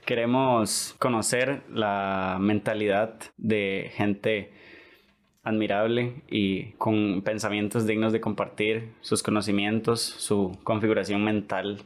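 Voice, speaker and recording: A young Costa Rican man hosting a casual podcast interview, chatty and peppering his talk with "¿verdad?". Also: lowish voice. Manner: chatty, repeats "¿verdad?" often. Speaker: podcast host.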